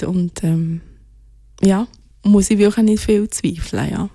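Soft-spoken woman. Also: medium pitch, slow pace. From Ghana. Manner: soft-spoken, hesitant, searching for words. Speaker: interview guest. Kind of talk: reflective personal interview.

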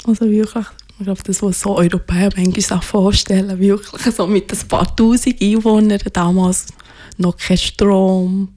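Woman from Ghana, interview guest; soft, hesitant, searching delivery, mid pitch. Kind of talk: reflective personal interview.

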